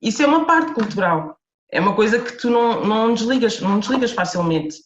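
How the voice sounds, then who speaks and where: A woman's voice: a little high, lively intonation, a little fast, a little hiss or hum. A woman with a Lisbon Portuguese accent talks earnestly and reflectively as a podcast interview guest. She often circles back and restarts her thoughts. Her voice sits in a roomy space and comes through a dull, lo-fi recording.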